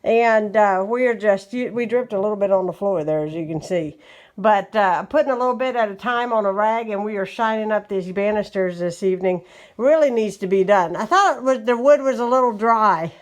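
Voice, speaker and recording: A home vlogger from West Virginia chats casually indoors at her home, showing off a wood-care job and recommending the product. Her medium-pitched voice moves at a normal speed, and she sounds a bit out of breath.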